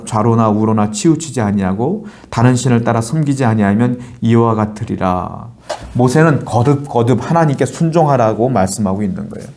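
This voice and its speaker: A male pastor preaching a sermon, moving between calm explanation and lively, emphatic lines with playful quoted nagging. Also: mid-range voice. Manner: animated preaching, voices quoted nagging and warnings. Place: church.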